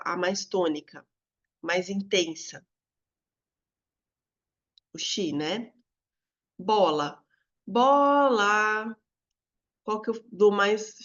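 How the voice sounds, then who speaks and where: A woman with a Brazilian Portuguese accent teaching a recorded video lesson, speaking calmly and calling out words in a drawn-out sing-song to show stress. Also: medium pitch, lo-fi sound.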